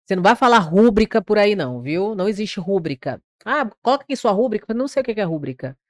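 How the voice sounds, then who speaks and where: This Brazilian woman's mid-range voice is very animated and quick, recorded close and dry without echo or room sound. She teaches an online grammar class for exam prep with a Brazilian Portuguese accent, patiently explaining, quizzing students, and drawing out words to show where the stress falls.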